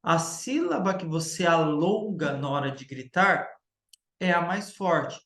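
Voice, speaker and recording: A male teacher giving a recorded grammar lecture, explaining step by step and checking in with the class through quick tag questions. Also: on the high side, expressive, fairly bright tone, echoey room.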